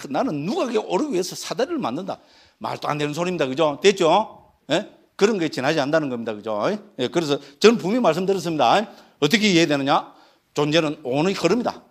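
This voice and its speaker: A middle-aged monk preaches in a husky voice that swings up and down in pitch. He punctuates every point with emphatic check-ins to his listeners and sometimes bursts into mock chanting or shouts. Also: sing-song, quick pace. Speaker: Buddhist monk teacher. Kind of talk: dharma talk.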